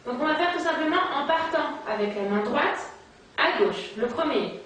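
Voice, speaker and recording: A woman's voice: high-pitched, lively intonation, moderate pace, fairly bright tone, a little hiss or hum. A woman patiently teaching a flashmob dance routine step by step, counting the moves aloud. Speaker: dance instructor. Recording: echoey distant amateur video.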